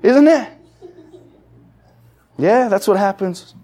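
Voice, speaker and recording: A man's voice: high-pitched, lively intonation, slow, warm tone. A man preaching a sermon in a church sanctuary, talking casually with the congregation and acting out quoted voices. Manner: conversational preaching, acts out quoted voices, asks the congregation questions. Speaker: pastor.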